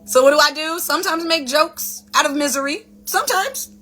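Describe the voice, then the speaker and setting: Bright-voiced expressive woman vlogger. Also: sits high, a little fast. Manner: expressive, chatty, repeats phrases for emphasis, calls listeners "baby" and "you guys". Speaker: vlog host, wellness speaker. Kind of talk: casual motivational talk to camera.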